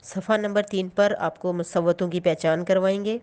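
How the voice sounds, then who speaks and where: Patient woman teaching syllables slowly. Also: mid-range voice, steady tone, darkish tone, clear, resonant tone. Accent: Pakistani Urdu. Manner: slow, drawn-out syllable drills with patient explanations. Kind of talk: children's reading lesson.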